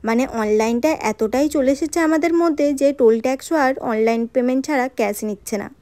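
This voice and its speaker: A travel vlogger narrates her road trip in a chatty voice-over, talking straight to viewers and tossing in tag questions. Her voice is high and fast, with a darkish tone.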